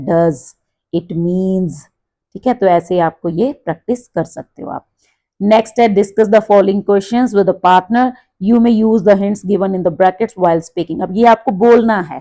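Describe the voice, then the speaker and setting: A young woman teaching an English lesson, explaining in Hindi mixed with English and reading the English lines out slowly. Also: mid-range voice, mellow. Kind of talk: online class lesson.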